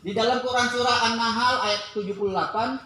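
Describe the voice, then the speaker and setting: A man's voice: extremely high pitch, fairly even intonation, brisk, sharp tone, very echoey, slight background noise, low-quality recording. A man giving a workshop talk to an audience, acting out little dialogues in playful voices. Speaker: workshop presenter. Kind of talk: lively seminar talk.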